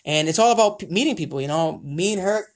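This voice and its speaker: A woman's voice: lowish voice, expressive, quick pace. A woman hosting a podcast in a loose, upbeat way, full of "you know" and "um". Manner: upbeat, loose, lots of fillers. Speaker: podcast host. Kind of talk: casual podcast talk.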